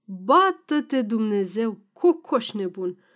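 A woman's voice: on the high side, big pitch swings. A woman voicing a grumpy sleepy old peasant. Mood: grumbling.

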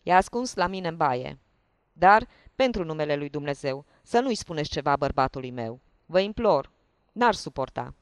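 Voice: medium pitch, expressive, smooth, no echo, lightly acted. A narrator voicing a frightened pleading wife. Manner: pleading, anxious. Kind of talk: audiobook reading.

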